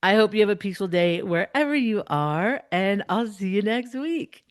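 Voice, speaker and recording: Female podcast host, mid-pitched voice, earnest and emphatic, slight lisp from a dental retainer. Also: expressive, normal speed. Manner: earnest, emphatic, repeats phrases. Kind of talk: solo podcast talk to listeners.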